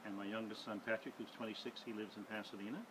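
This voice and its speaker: An older man speaks in a steady, measured way. His voice is a bit low. Clear background noise sits under it. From Newfoundland. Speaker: council candidate. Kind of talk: interview answer. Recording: noisy background.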